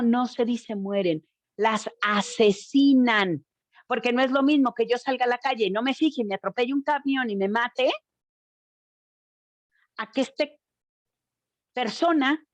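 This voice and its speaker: A woman's voice: on the high side, no room sound, muffled recording. A woman giving an informal school talk on gender violence, speaking expressively and addressing the audience directly. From Mexico.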